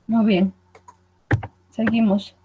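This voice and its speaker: A woman's voice: mid-range voice, warm tone, a little hiss or hum, low-quality recording. A woman teacher gives a recorded online lesson, explaining patiently and checking in with her students as she goes. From Peru.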